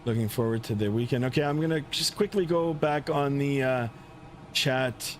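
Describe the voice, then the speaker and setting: This is a male flight simulator streamer giving relaxed commentary, his speech hesitant and pause-heavy. Engine rumble from the plane holds steady in the background.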